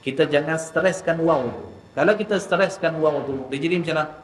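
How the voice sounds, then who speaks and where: A man teaching Quran recitation in a mosque class, drawing out letter sounds slowly before explaining quickly. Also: fairly high pitch, a little hiss or hum. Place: mosque hall. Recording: echoey mosque hall with faint ambience.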